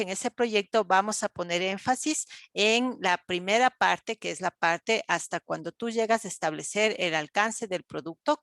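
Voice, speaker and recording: A woman's voice: on the low side, a bit bright, dry recording. A woman, lecturing an online class, explaining step by step with frequent fillers and check-ins to students. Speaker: university lecturer.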